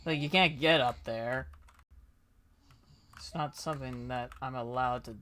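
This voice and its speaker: Slow-talking streamer muttering over a game. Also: mid-range voice, a bit bright. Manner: mutters, hesitant, self-talk. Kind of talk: thinking aloud while playing a game.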